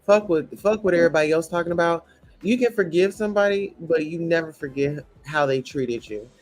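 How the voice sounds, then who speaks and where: High-voiced man ranting blunt commentary. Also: a little fast, soft background music. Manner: blunt, profane, preachy. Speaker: show commentator. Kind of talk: reaction commentary rant.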